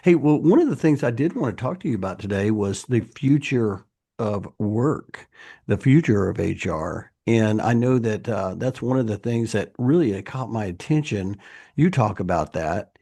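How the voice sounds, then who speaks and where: A man hosting a podcast interview, his low voice gravelly and husky with a dark, mellow tone. He talks casually and backs his guest up with steady murmurs of agreement. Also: moderate pace. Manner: affirming, lots of murmured agreement. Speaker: podcast host.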